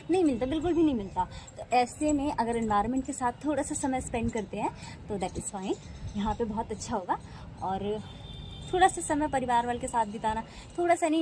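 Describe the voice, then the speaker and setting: A woman's voice: a little high, background noise. A woman vlogging casually from a rooftop, chatting and repeating herself, recorded on a phone with no microphone. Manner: chatty, repeats phrases, frequent tag questions. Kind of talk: casual vlog chat. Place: rooftop outdoors, wind and rain. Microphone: phone camera, no external mic.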